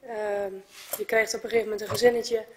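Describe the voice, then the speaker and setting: A woman's voice: medium pitch, level tone, quick pace, a little mellow, a little hiss or hum. A woman in her twenties, a resident giving a composed, earnest prepared statement at a council debate. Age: 20s. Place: council chamber. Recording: reverberant council chamber.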